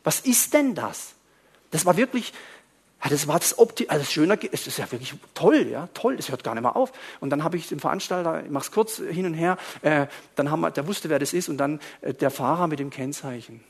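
A man preaching to a congregation, telling stories in an animated way that swings between quiet asides and loud outbursts. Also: fairly high pitch, a little fast, slightly rough. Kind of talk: storytelling sermon.

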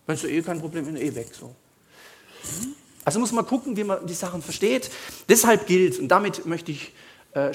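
A male pastor, preaching a sermon in a conversational style with emphatic asides. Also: sits high.

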